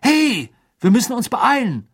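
A man doing an eager quick teenage boy. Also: high voice, big pitch swings, creaky, slightly rough, voice pushed up, exaggerated voice. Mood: hurried. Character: loyal excitable teenage schoolboy. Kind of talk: audiobook character voice.

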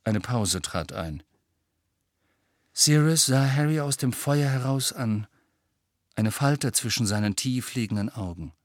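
A man reading a novel aloud as audiobook narrator, in steady, measured storytelling. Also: medium pitch, dry recording, studio quality. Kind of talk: scripted narration.

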